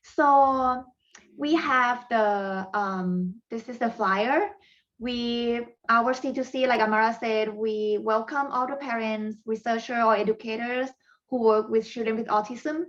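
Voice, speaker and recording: In a parent coaching webinar, a woman whose first language is Thai speaks with a Thai accent in a fairly high, slightly bright voice with fairly even intonation. She often pauses with fillers and uses non-native phrasing, and the audio is dull.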